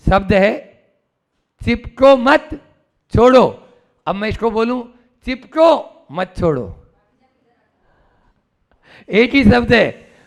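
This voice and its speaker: High, gravelly-voiced monk giving a slow sermon. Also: male voice, a bit bright. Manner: slow, deliberate, prompts listeners to answer; plays with words and parables. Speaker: Jain monk.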